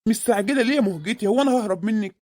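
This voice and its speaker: A woman's voice: medium pitch, rapid-fire, darkish tone, dry recording, lightly acted. A woman voicing a scheming middle-aged married man in a comic cartoon, with an Egyptian accent and a sweet-talking, evasive manner. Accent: Egyptian Arabic.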